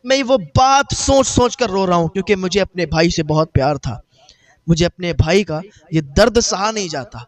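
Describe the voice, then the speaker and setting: A man's voice: high voice, expressive. A man preaching voices a grief-stricken man who mourns his brother and tells the tale in a lamenting, pleading way. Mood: grieving.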